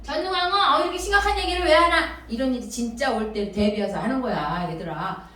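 A woman preaching a children's sermon in a church, animated and sing-song, quizzing the kids directly. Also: sits high, fairly quick. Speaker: Sunday school teacher. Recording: echoey hall from far off.

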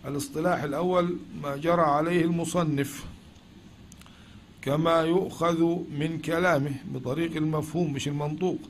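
A logic teacher with an Egyptian Arabic accent gives a classroom lecture, often posing questions and then answering them himself. His male voice is slightly high, with fairly even intonation and a fairly quick pace, and there's a little hiss or hum.

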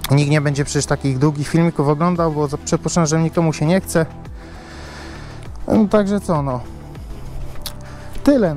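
A man with a slightly high, slightly mellow voice chats casually to camera as a motovlogger about his motorbike. He rambles, swears a lot, and fills his talk with fillers and repeats.

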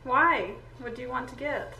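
A woman's voice: high voice, moderate pace, vocal fry, sharp tone, slightly rough, far from the mic, lo-fi sound. A woman chatting casually and soothingly as she looks after someone. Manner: reassuring, soothing. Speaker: caregiver helping a patient. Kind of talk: casual chat. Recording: noisy, off-mic handheld camera audio.

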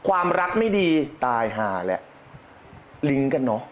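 A man's voice: big pitch swings, normal speed, slight background noise. A man reading palms on a casual live stream, chatting and talking straight to the viewers. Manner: chatty, addresses viewers directly, jumps high in pitch when joking. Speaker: palm reader.

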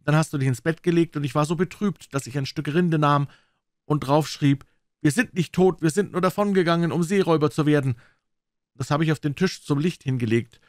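A man's voice: fairly high pitch, brisk, no echo, pitched above the performer's own voice, lightly acted. Brief: a man playing an eager storytelling boy, raised voice, dry audiobook sound. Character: boy, eager, telling a tall tale.

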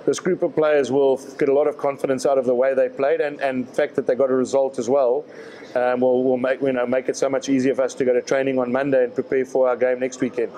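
A man, answering reporters' questions at a post-match press conference in a measured way, often repeating words as he thinks. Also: mid-range voice, flat delivery, mellow, rough recording. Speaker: rugby director of rugby.

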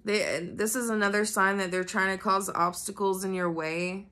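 Mid-range and steady, her voice moves at a moderate pace and sounds pushed and bright, with a cold-induced nasal quality. She's a chatty tarot reader doing a casual reading for viewers at an indoor floor-level table, cursing freely and using many fillers. The camera captures the cards while she remains unseen.

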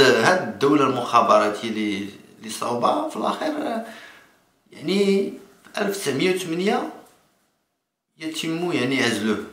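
Quick-talking Moroccan man, echoey room. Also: medium pitch, fairly bright tone. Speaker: political vlogger. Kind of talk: spontaneous political commentary to camera. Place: small indoor room.

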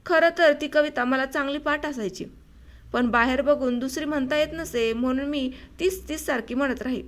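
A woman narrates a short story for an audiobook. Her voice sits high, and she reads in a measured, unhurried way.

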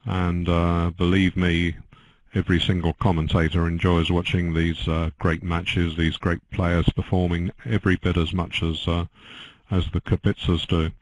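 An older man commentating on a bridge match, dry and joking, halting with many fillers. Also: sits low, little pitch movement, no echo, low-quality recording.

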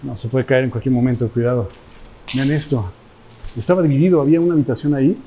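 Male Mexican vlog host, mellow tone, hushed and wary narration, big derelict space. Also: medium pitch, fast talker, a little hiss or hum. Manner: hushed, cautious commentary while walking. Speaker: host, explorer. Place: large abandoned building.

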